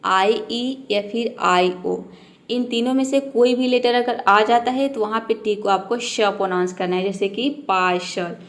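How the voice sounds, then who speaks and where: A woman's voice: on the high side, steady tone, moderate pace, few pauses. A woman teaching English pronunciation to beginners, patiently repeating each rule and asking the viewer questions. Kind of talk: step-by-step pronunciation lesson.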